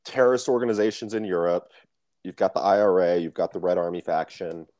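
A man's voice: low-pitched, steady tone, fairly quick, a little mellow, no room sound. A young man co-hosting a casual podcast, chatting about history and joking with his co-host. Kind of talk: casual chat.

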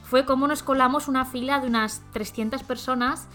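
Woman from Zaragoza, higher-pitched, chatty and self-deprecating, light music underneath. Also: fairly even intonation, brisk, fairly bright tone. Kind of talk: casual chat, storytelling.

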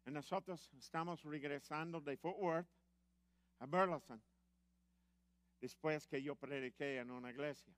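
A middle-aged man preaching in a halting, Spanish, animatedly telling a personal testimony. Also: on the high side, no room sound. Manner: animated, acts out quoted voices, halting grammar.

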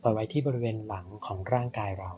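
A man guides a sleep relaxation meditation in a soft, soothing manner, leaving long pauses between short phrases. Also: on the low side, fairly even intonation. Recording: dull muffled recording with music behind. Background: clear background music.

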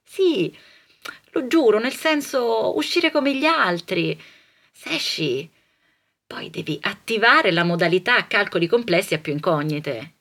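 A woman soprano delivering a comic monologue in a theatrical, ironic way. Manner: theatrical, ironic, lively swings in pitch and loudness.

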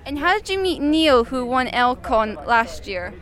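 A woman's voice: high voice, sing-song, measured pace, a bit bright. A woman working as an interviewer, asking questions casually at a busy convention. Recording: noisy crowded public venue.

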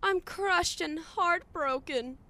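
Creepy, very high-pitched girl, played by a female. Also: huge pitch swings, takes it slowly, bright, forceful tone, no room sound, exaggerated voice. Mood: taunting. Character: creepy, mocking, singsong young girl. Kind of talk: horror audio drama acting.

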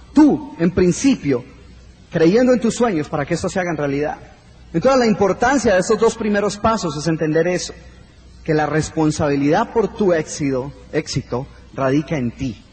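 A man with a fairly high voice delivers a live motivational talk, emphatic and repetitive. He speaks straight to his audience. A long hall reverb trails behind his words. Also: darkish tone.

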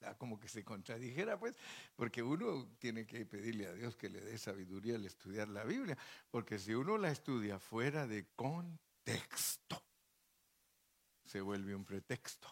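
A man's voice: fairly low pitch, expressive, normal speed, vocal fry. Folksy, joking male preacher. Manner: folksy, jokey preaching with rhetorical questions. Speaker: pastor. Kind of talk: sermon.

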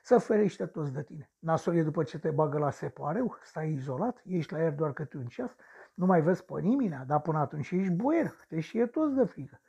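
A man's voice: on the high side, lively intonation, vocal fry, mellow, husky, lo-fi sound, exaggerated voice. A man acting a coarse, boastful male serial killer in a radio drama monologue, ranting and sneering at the victims who haunt him.

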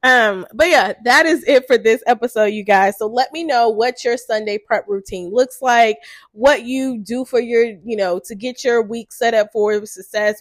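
A woman's voice: medium pitch, no echo. A woman in her thirties hosting a casual solo podcast, chatty and full of "like", with a stuffy, congested nose. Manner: chatty, says "like" a lot. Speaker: podcast host.

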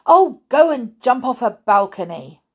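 A woman voicing a spirited young princess who is fed-up and wary, with a bright, exasperated manner. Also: high-pitched, very animated, drawn-out words, voice pushed up, exaggerated voice.

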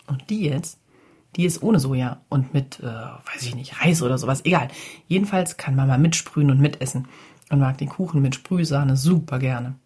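A woman telling a children's story in a relaxed, chatty way, now and then talking straight to her young listeners. Her voice sits low and carries a very husky, breathy grain throughout. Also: normal speed. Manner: chatty, addresses listeners directly. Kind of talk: casual children's story narration.

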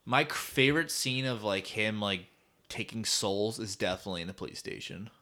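A man's voice: on the low side, brisk, bright, forceful tone. A man co-hosting a casual film chat, enthusiastic and sweary, acting out bits of dialogue as he retells them. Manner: enthusiastic, profane, filler-heavy retelling with quoted dialogue.

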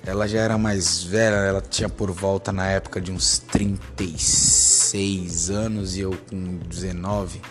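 A man in his thirties with a Brazilian Portuguese accent, telling a bawdy personal anecdote in a joking, casual way. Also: fairly low pitch. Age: 30s. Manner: bawdy, joking, lively storytelling. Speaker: storyteller.

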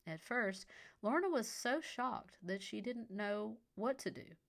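A woman reading a short story aloud in a measured, expressive scripted narration. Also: a little high, creaky.

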